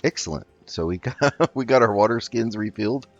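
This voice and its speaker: The voice is lowish, gravelly and expressive, moving fairly quickly in a dry recording on a slightly dull mic. He is a gaming video host running a casual roleplay let's play, chatting and thinking aloud over faint game music.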